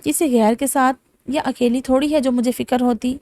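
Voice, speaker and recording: A woman's voice: high voice, steady tone, mellow, dry recording, natural voice. A woman voicing a proud, fussy middle-aged mother. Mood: complaining. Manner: fussy, self-satisfied.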